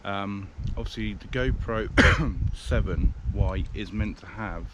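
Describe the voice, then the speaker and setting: A man's voice: lowish voice, steady tone, a little slow, heavy background noise. A British man vlogging a camera review while walking in the countryside, a little out of breath, rambling with lots of fillers, recorded on the camera's own mic. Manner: rambling, hesitant, many fillers. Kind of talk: casual walking vlog. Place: outdoors in the countryside, walking by a river. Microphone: action camera's built-in mic.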